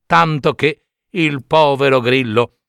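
A man reading a children's story aloud in a lively, unhurried way. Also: medium pitch, gravelly, smooth, no echo, clean studio sound.

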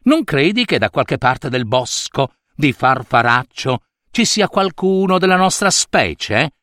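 A man's voice: mid-range voice, unhurried, no echo, clean studio sound. A man voicing an eager, impulsive older mother snail in a storybook reading. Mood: coaxing. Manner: excited, wistful.

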